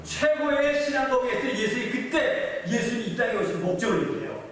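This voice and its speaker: A man's voice: very high-pitched, expressive, fairly quick, a bit bright. A man preaching a sermon as pastor, often putting yes-or-no questions to the congregation. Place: church sanctuary. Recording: echoey hall, voice from far off, faint noise.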